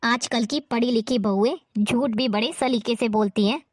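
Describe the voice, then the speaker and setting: A woman's voice: on the high side, normal speed, no room sound, clean studio sound, natural voice. A woman playing an older mother-in-law who nags and taunts in a family drama. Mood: scolding. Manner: scolding, taunting. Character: nagging older mother-in-law, harsh and scornful.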